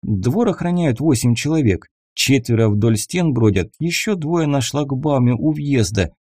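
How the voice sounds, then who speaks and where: A man's voice: medium pitch, lively intonation, a little mellow, no room sound, clean studio sound. A man voicing a frightened young male captive who talks nervously and in a hurry. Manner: nervous, hurried, gulping.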